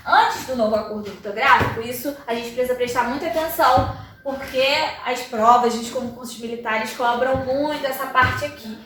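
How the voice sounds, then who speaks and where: A woman's voice: a little high, normal speed, a bit bright, slight background noise. A woman teaching a grammar lesson, explaining step by step and often checking in with her students. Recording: very echoey room, voice far from mic.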